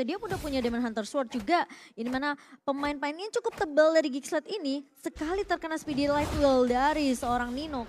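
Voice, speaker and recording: A woman's voice: high voice, slight background noise. A woman with an Indonesian accent giving live commentary and analysis as an esports co-caster. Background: loud music.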